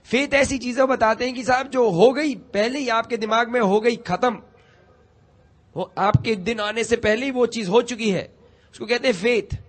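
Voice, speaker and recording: A man's voice: very high voice, moderate pace. A middle-aged man giving an emphatic motivational talk, telling stories to the audience. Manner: emphatic storyteller, addresses audience as sir. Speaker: motivational speaker. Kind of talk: motivational speech.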